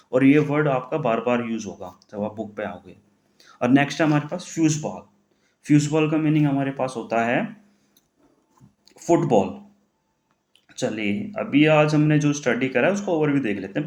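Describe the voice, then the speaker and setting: A man teaching the German alphabet in a classroom style, putting questions to the class and answering them himself, repeating words slowly. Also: mid-range voice, a little mellow. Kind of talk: classroom-style lesson explaining pronunciation. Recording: echoey room.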